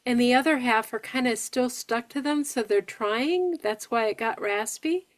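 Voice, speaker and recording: Her voice is a little high. She's from New York State and has aphasia, so she speaks slowly, deliberately, and with careful pronunciation while telling a support group about her experience.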